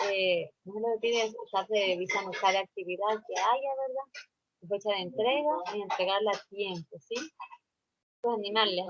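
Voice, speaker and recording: A woman's voice: mid-range voice, no echo. A woman teacher giving an online class, patiently repeating instructions and checking in with her students. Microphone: computer mic for a virtual class. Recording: dry, dull lo-fi sound.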